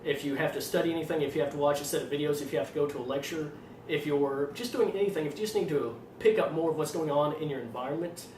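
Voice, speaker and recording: A man with an Arkansas accent explaining things informally as a trainer, in a fairly monotone voice with a slight tendency to stutter. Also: on the high side, quick pace. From Arkansas, United States. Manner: self-described monotone delivery. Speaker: fitness trainer presenting supplement advice. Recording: roomy echo, distant mic, faint noise.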